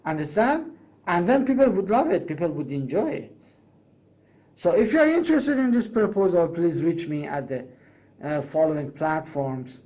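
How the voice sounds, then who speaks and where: The recording is rough, but this course creator's voice is warm and sing-song at a normal speed as he pitches a proposal solo to camera. A first-language Persian speaker, he is emphatic and persuasive and frequently corrects himself with restarts.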